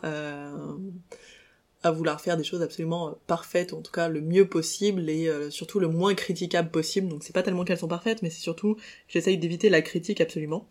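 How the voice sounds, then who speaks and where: A woman's voice: on the low side, a little mellow. A young French woman talking casually in a solo podcast, hesitant and self-correcting, with many fillers and self-deprecating asides. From France. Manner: laughs between lines, self-deprecating. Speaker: podcast host.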